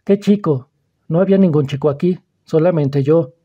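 A man's voice: fairly high pitch, normal speed, husky, muffled recording. A man reading the part of an anxious schoolboy who begs to keep his secret, in an audiobook. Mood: frightened, pleading. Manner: anxious, pleading.

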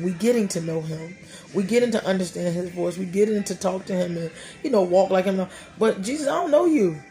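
A medium-pitched woman's voice, with a little hiss or hum in the recording, belongs to a 30-something host of a casual faith podcast. She preaches animatedly, addresses herself now and then, and breaks into laughing asides. She's indoors in a small room, a dark curtain at her back.

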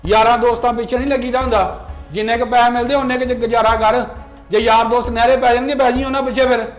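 A stern older brother lecturing his spoiled sibling, played by a man. His voice is very high for a man. It is recorded in an echoey room with faint music behind. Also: little pitch movement, quick pace. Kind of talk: home-made family skit acting.

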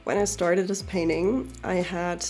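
Woman art vlogger, nasal from a cold, low-pitched, chatty and candid. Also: steady tone, unhurried, darkish tone, faint music behind. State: has a cold. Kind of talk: casual voice-over narration.

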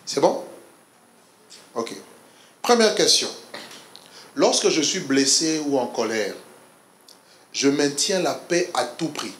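A man leading an interactive church seminar on couples, quizzing his audience in an animated, laughing way. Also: on the high side, slow, pauses often. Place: church hall. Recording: echoey church hall.

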